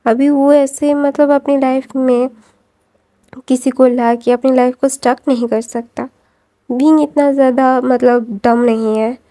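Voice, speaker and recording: A hoarse woman casually retelling a fan fiction story, rambling with many fillers and restarts. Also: sits high, steady tone, unhurried, dark tone.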